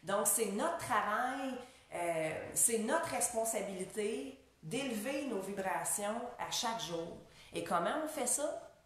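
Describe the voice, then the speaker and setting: A woman with a Québécois accent, a spiritual singer hosting a live stream, talking gently and earnestly to viewers with many fillers. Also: medium pitch, animated, takes it slowly. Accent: Québécois French. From Quebec. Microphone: webcam or phone mic. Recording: very echoey room.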